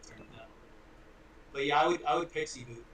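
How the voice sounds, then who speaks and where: A man's voice: on the high side, brisk, fairly bright tone. A man speaking as a guest in a casual technical chat, hesitant with many fillers, his mic cutting in and out so the volume keeps dropping. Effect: mic cutting in and out, uneven volume. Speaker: guest on a live call-in stream. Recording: echoey room, far from mic, faint noise.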